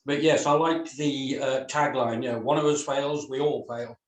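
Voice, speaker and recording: A middle-aged or older man gives casual feedback as a reader in a group discussion. His voice is medium in pitch and steady, at a moderate pace. There is room echo, and he sounds a bit distant from the mic.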